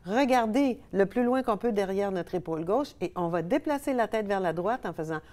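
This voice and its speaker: A woman's voice: mid-range voice, lively intonation, normal speed, darkish tone. Québécois lady running laughter yoga on tv, bubbly, laughs big, ho ho ha ha chants, middle-aged. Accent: Québécois French. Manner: bubbly, breaks into hearty laughter, leads ho-ho-ha-ha chants. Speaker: laughter yoga instructor and host. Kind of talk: guided laughter exercises. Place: TV studio.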